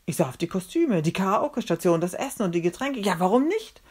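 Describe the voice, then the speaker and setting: Woman, children's book reading, low pitch, animated delivery, expressive. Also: fast, slightly rough. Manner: expressive, dramatic storytelling. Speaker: storybook reader.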